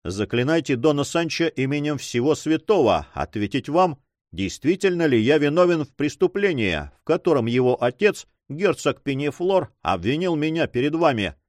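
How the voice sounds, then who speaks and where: Guy doing stern noble commander, solemn, bossy, lively delivery, audiobook. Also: fairly high pitch, moderate pace, dry recording, clean studio sound, voice pushed up. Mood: commanding.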